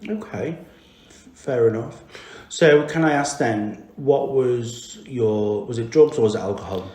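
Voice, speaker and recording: A man's voice: medium pitch, measured pace, a little mellow. A man with a Merseyside accent hosting a podcast interview, cheeky and jokey, swearing casually. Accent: Merseyside English. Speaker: podcast host. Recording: echoey room.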